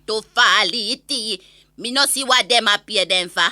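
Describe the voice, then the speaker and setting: A woman's voice: mid-range voice, measured pace, pushed and bright, dry recording, clean studio sound. A woman playing an elderly Jamaican granny in a comic audio story, telling an exasperated, gossipy, indignant rant with a Jamaican accent. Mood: exasperated, mocking.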